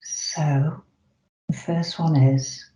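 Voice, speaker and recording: Soft-spoken meditation guide, warm roomy sound. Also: mid-range voice. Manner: soft, slow, soothing delivery with drawn-out pauses. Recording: roomy, slightly dull recording.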